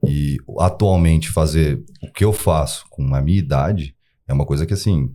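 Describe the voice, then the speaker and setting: Young man with a low, mellow voice. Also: normal speed, soft background music. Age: 20s. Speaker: guest. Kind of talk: podcast conversation.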